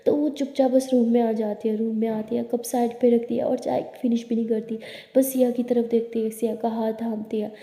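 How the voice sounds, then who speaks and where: A woman storyteller giving a steady, plain scripted narration of a love story, recorded in a roomy space with a long reverb. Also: fairly high pitch, a little fast.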